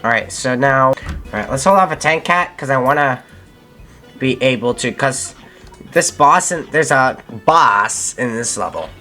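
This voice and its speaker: Speaking in a sharp, animated, unhurried way at medium pitch, a young man narrates gameplay casually for his channel. He often thinks out loud and reworks sentences midway, over faint game music.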